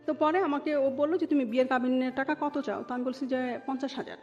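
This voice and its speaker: This woman's voice is high-pitched and a little mellow, and she talks at a quick pace. An interview guest with a Bangladeshi accent, she tells her story conversationally while slipping English words into Bengali. Background music, long reverb, and a dull sound fill the recording.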